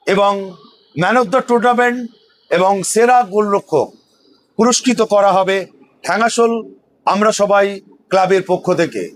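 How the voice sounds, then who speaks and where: High-pitched man announcing a football tournament. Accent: West Bengal. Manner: emphatic, repeats team names and invitations. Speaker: event announcer.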